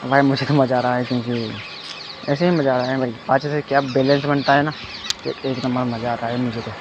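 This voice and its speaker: A man's voice: medium pitch, fairly even intonation, fairly quick. A young man, giving a loose, repetitive running commentary outdoors on a muddy dirt road. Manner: loose, repetitive running commentary, often says "ye dekho" and "bhai". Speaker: vlogger. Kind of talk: casual vlog commentary. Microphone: phone camera. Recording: dull lo-fi phone audio with loud outdoor noise.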